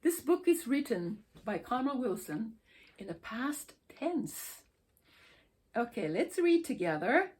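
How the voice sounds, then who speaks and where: Slow, lively-voiced woman teaching pronunciation. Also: on the high side. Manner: slow, deliberate, repeats sounds for practice. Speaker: English teacher. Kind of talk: pronunciation lesson.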